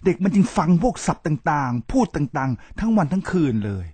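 A middle-aged man hosts a spoken talk show, lecturing his listeners in a preachy tone and speaking to them directly again and again. His voice is dark and a little husky, a touch higher than most men's. It is recorded close and dry with no room sound. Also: sing-song, a little fast, no echo. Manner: preachy, repeats address to listeners, spells out English terms. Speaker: podcast host.

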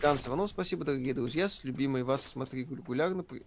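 A man's voice: mid-range voice, quick pace, a little hiss or hum. A man hosting a live gaming stream, reading viewer questions aloud and answering in a dry, offhand way. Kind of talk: casual live stream chat. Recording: stream with background music. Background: music playing.

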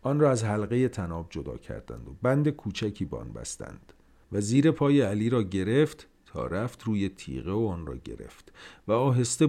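Brief: male podcast storyteller, low register, very animated reading of literary prose. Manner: expressive, dramatic pacing.

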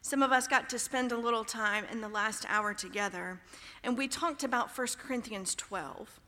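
A woman in her thirties preaching a sermon, expressive and shifting her tone for emphasis. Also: fairly high pitch, moderate pace. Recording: long hall reverb.

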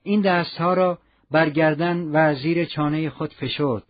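Man, audiobook narrator, measured, literary, somewhat high voice, muffled lo-fi sound. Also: steady tone. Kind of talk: scripted narration. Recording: dull lo-fi recording.

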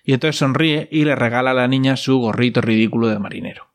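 A man's voice: mid-range voice, fairly even intonation, fast. A young man, recapping a series casually with wry, ironic asides. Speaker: host.

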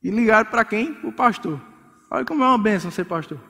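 Bright-voiced pastor preaching. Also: male voice, sits high, quick pace, creaky. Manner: lively, jokes and acts out couples' quarrels. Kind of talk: sermon. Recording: long hall reverb.

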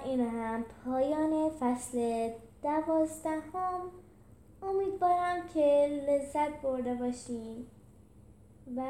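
A woman reading a children's story aloud as a podcast storyteller, with expressive delivery. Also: on the high side, a little hiss or hum. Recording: echoey room.

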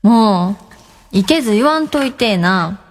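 A woman playing a teasing young boyfriend, speaking slowly in a lowered boyish voice and ending in Kyoto dialect. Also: lively intonation, long reverb tail, heavy background noise. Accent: Kyoto dialect at the end.

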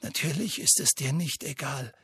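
A man voicing a calm, gentle old male headmaster wizard who speaks softly and slowly. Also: mid-range voice, slightly rough, dry recording, studio quality. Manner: calm, soft, measured.

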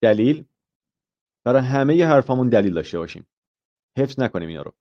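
A man's voice: mid-range voice, sing-song, mellow, highs cut off. A man teaching an IELTS grammar lesson live, asking the class questions, explaining step by step and dropping in English example phrases.

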